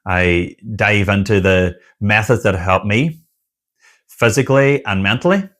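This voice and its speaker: A man with a low but fairly bright voice, a stuttering coach and online community founder, gives an earnest motivational talk to camera. He encourages viewers using repeated phrases in list form, with pauses along the way.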